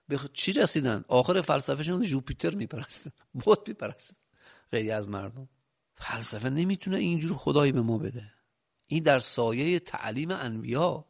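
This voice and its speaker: A man from Yazd with a Yazdi accent, giving a sermon with rhetorical questions and a loudness that rises and drops. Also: medium pitch, vocal fry. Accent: Yazdi Persian. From Yazd, Iran. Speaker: preacher.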